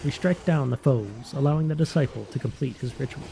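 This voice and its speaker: Mellow, dark-toned male storyteller. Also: mid-range voice, fairly quick, vocal fry, a little hiss or hum. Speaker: narrator. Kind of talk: scripted fantasy game lore narration.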